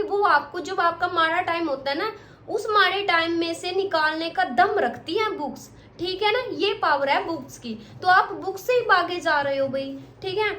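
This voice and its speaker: Brief: woman coach, very high voice, blunt and repetitive, echoey room. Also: fairly bright tone, a little hiss or hum. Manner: direct, scolding, repeats points. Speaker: exam coach. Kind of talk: motivational study advice to students. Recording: echoey room with faint ambience.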